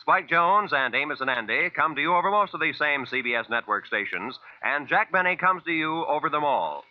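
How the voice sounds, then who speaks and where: An American man announces for network radio in a polished, formal, scripted 1940s style, his voice fairly high, animated, and fairly quick. The dry studio broadcast mic comes through as a muffled vintage radio recording with faint music.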